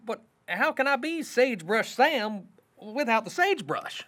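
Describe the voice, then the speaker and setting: A woman's voice: a little high, big pitch swings, a little slow, a bit bright, exaggerated voice. A woman playing a drawling, folksy cowboy man in a children's video. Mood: puzzled.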